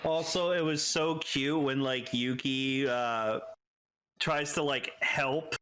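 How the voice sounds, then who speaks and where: A man co-hosting a podcast, chatting casually about a show in a halting way, peppered with "like". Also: mid-range voice, a bit bright, a little hiss or hum, low-quality recording. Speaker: podcast co-host.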